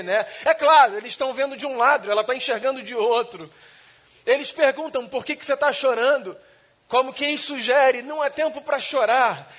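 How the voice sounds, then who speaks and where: A man's voice: sits high, fairly bright tone. A man preaching a sermon in a conversational way, retelling scenes and voicing the people in them. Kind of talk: sermon storytelling.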